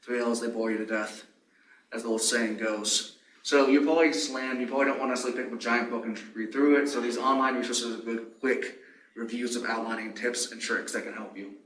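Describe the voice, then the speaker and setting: A man's voice: medium pitch, fairly even intonation, brisk, fairly bright tone. Young man, mask-muffled voice, informal instructional presentation, far from the mic, echoey room. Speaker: law library fellow presenting a guide. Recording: roomy, distant mic, faint noise, mask-muffled.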